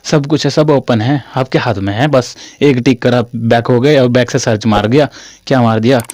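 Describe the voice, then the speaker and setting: A man's voice: medium pitch, normal speed, darkish tone, no echo. A young man from Haryana teaching a classroom-style lesson in a chatty way, repeating his phrases and calling listeners "brother". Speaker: English teacher.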